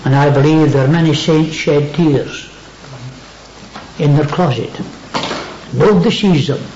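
A man's voice: on the high side, unhurried, a little mellow, a little hiss or hum. Emphatic preacher man, echoey lo-fi recording. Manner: dwells on words with emphatic repetition. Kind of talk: sermon.

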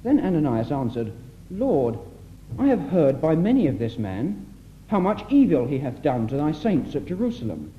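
A man's voice: fairly high pitch, huge pitch swings, normal speed. A man solemnly reading scripture aloud at a church meeting, heard on an old 1960s tape recording. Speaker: scripture reader at a church address. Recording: muffled old tape with faint hiss.

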